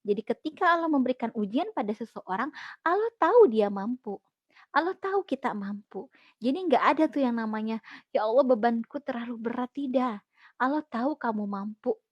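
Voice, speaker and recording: A woman hosting a live Q&A as a kidney patient, giving a gentle, reflective, faith-based talk to viewers and repeating phrases for emphasis. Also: on the high side, expressive, normal speed, breathy edge, dry recording. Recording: dry, slightly dull lo-fi sound.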